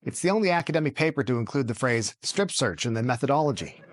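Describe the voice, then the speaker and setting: A man's voice: medium pitch, animated, fast talker, slight background noise. A man hosting a scripted late-night comedy monologue, delivering punchy jokes with dry punchlines. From Canada.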